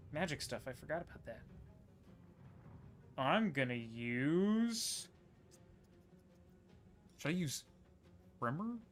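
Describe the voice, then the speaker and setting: A man streaming a video game, rambling and thinking aloud with quick laughs as he plays. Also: on the high side. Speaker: gaming streamer. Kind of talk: casual gameplay commentary.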